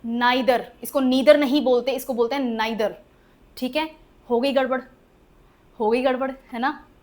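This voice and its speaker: A high-pitched woman at normal speed leads a chatty English class on spelling rules. She's lively, frequently checks that everyone is keeping up, and laughs at the strange exceptions.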